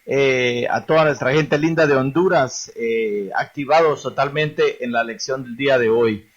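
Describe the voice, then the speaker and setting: A man's voice: mid-range voice, unhurried, highs cut off. A man hosting a radio show, sending friendly greetings to listeners. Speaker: radio host.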